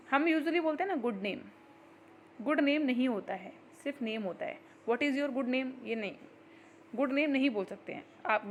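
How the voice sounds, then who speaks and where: Patient woman teaching grammar, slightly high voice. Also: lo-fi sound, slight background noise. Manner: explains patiently, repeating "ठीक है" and reading example sentences slowly. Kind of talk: exam-prep grammar lesson.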